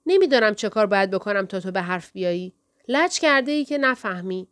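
A woman's voice: medium pitch, lively intonation, a bit bright, dry recording, lightly acted. A woman voicing a proud, headstrong young woman who coaxes and insists, near tears. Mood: insistent. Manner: insistent, coaxing, close to tears.

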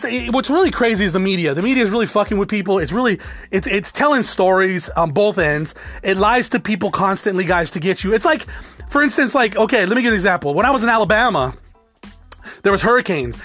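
Talking to his viewers, an American vlogger goes on a rambling, profane rant, restarting and repeating himself. His high voice comes across pushed and bright, with no room sound.

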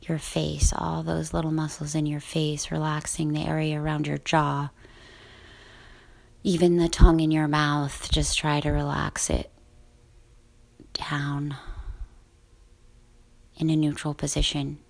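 Woman in her twenties or thirties, whispered bedtime relaxation guide, unhurried, slightly gravelly. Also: low-pitched, monotone. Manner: soft, slow, soothing whispered delivery. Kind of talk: guided sleep meditation.

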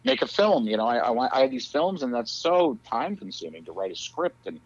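A man's voice: medium pitch, big pitch swings, fairly quick, no room sound. A man chatting casually as a podcast guest, rambling with lots of fillers and frequent laughs, heard over a phone call. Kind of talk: casual chat. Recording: muffled lo-fi audio.

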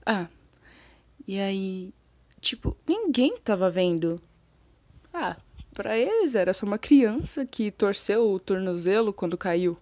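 A woman's voice: medium pitch, slow pace, long pauses, no room sound. Chatty Brazilian woman with a scratchy throat. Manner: chatty, animated, loses her thread and apologizes. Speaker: storyteller. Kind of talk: casual storytime monologue.

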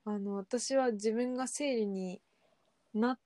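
A young woman in relaxed podcast chat, speaking candidly and haltingly, often pausing on fillers. Her voice is mellow and on the dark side. It sits dry and close to the mic. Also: fairly high pitch, dry recording. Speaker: podcast co-host. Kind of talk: casual chat.

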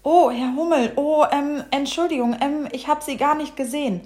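A playful young dog bounces along in a raised, eager voice, put on by a woman reading the story. He is excitable and good-natured. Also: sits high, moderate pace, voice pushed up, natural voice.

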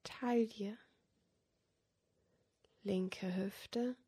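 A woman guiding a meditation in a soft, soothing, dreamy and breathy voice, giving short spoken cues. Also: medium pitch, fairly even intonation, drawn-out words. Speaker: yoga nidra meditation guide. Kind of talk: guided meditation body scan, slow spoken cues.

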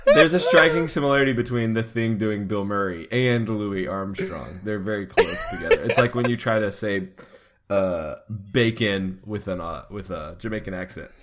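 A man co-hosting a comedy podcast, teasing his co-hosts in a dry, deadpan way. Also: lowish voice, normal speed. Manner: deadpan teasing, gives mock directions. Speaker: podcast co-host. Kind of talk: casual comedic chat. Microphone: studio microphone with shoulder strap. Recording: clear background noise.

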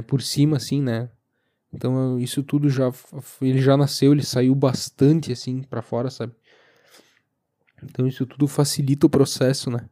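A sleepy young man with a southern Brazilian accent talks casually by himself as a podcast host, in an informal, halting, meandering way. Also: mid-range voice, warm tone. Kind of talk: casual solo monologue, rambling. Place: recorded lying down, alone.

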